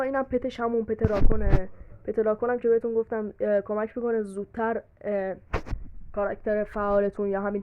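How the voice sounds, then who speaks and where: A woman's voice: mid-range voice, lo-fi sound, a little hiss or hum. A woman casually narrating a game guide, chatty and explaining things with examples and many fillers. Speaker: gaming YouTuber.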